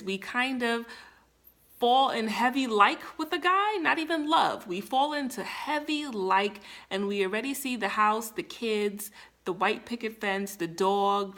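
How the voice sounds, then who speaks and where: A woman's voice: medium pitch, a bit bright. A woman in her thirties talking casually to camera, giving chatty, big-sister relationship advice. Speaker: vlogger.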